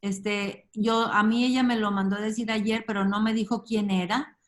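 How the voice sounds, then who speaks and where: A woman leads a relaxed Bible study group over a video call. She talks in an unhurried, gentle way and leans on little fillers as she goes. Her voice sits at an ordinary pitch for a woman. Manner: warm, unhurried, many fillers like "este" and "ujú".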